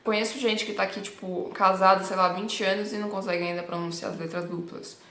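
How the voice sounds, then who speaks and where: Milanese-accented woman teacher, casual and chatty, mid-pitched, recorded in a reverberant room. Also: level tone, fast talker, a bit bright. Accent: Milanese Italian. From Milan, Italy. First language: Italian. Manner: chatty, keeps checking in with "tá bom?". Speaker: Italian teacher. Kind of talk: casual online lesson.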